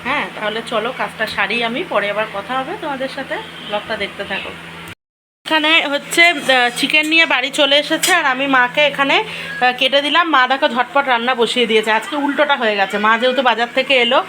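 A woman with a hoarse voice from a cold, chatting casually to viewers in a home vlog from her kitchen. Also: sits high, fast. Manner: chatty, addresses viewers directly. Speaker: vlogger. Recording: noisy home recording.

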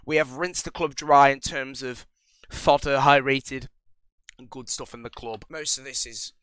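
A young man hosting a gaming channel rambles casually over a football game, his talk packed with ums and restarts as he recovers from a cold. His medium-pitched voice is fairly bright and smooth, with no room sound.

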